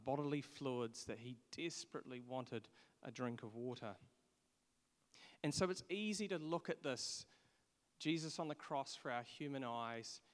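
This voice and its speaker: Man preaching in an echoing hall. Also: medium pitch. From England. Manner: earnest, conversational with restarts. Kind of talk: sermon. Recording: long echo of a large hall.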